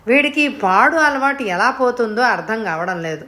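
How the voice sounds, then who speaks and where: A woman's voice: on the high side, expressive, normal speed, pushed and bright, pitched above the performer's own voice. A woman reading a storybook, voicing a stern, irritable young mother who scolds sharply.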